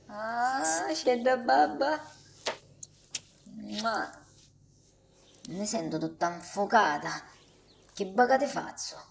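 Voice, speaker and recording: A woman's voice: on the high side, very slow, creaky, long pauses, crowd noise, full character voice. A woman playing a hot-tempered, complaining wife and mother in a comic dub, speaking broad Sicilian dialect from Catania. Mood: dramatic.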